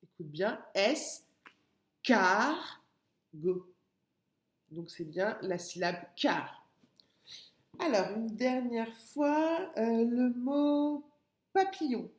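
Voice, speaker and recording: A woman teaching a phonics lesson to young children, breaking words into syllables slowly and patiently. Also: on the high side, animated, a little mellow, reverberant. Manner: slow, syllable-by-syllable, patient explaining. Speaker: kindergarten teacher.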